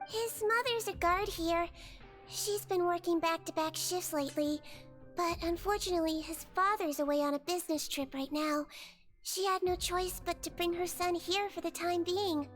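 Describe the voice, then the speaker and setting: A woman voicing a small, gentle, matter-of-fact female nurse creature with a childlike voice in a video game. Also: very high voice, moderate pace, soft background music. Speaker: doctor.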